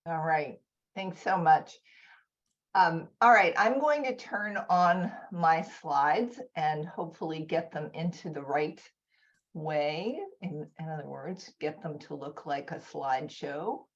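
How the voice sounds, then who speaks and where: A woman presenting a conference session over a video call, enthusiastic and informal, talking in quick bursts. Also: deep voice, highs cut off.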